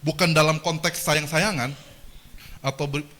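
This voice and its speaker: A man lectures at a seminar in a bright, forceful voice that sits a little high. He keeps the room engaged with questions and quick jokes. A faint background hiss runs under him. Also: steady tone. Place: lecture hall.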